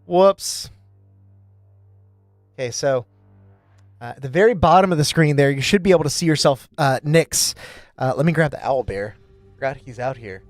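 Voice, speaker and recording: A man narrating a live-streamed tabletop game as game master, chatty and quick to laugh, with lots of fillers. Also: mid-range voice, animated, no room sound, faint music behind.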